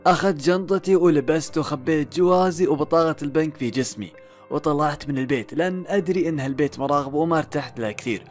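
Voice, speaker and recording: Man, suspenseful horror storytelling, slightly high voice, dramatic pauses. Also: a little mellow. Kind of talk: first-person horror story narration. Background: faint background music.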